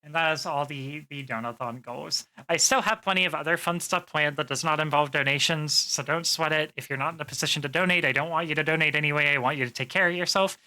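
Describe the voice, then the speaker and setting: A woman's voice: low-pitched, quick pace, hardly any pauses, sharp tone. A woman streamer chatting casually to her viewers, rambling with plenty of fillers and swearing freely. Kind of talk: casual live-stream chat.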